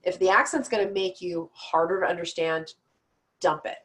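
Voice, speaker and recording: A woman's voice: lowish voice, moderate pace, fairly bright tone, a little hiss or hum. Chatty woman teaching storytelling. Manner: chatty, practical, self-deprecating asides. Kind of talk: online class lecture.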